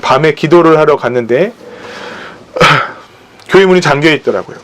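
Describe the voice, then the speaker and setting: A man's voice: on the high side, moderate pace, fairly bright tone. A man preaching a sermon at a church service, telling personal stories and acting out the voices of the people in them. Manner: storytelling, acting out quoted voices. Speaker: pastor.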